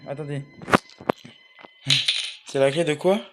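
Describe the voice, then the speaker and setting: A man's voice: fairly high pitch, takes it slowly. Young French gamer man talking over music. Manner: mumbles while eating; chatty, swears casually. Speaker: gamer playing a horror game. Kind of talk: casual let's play commentary.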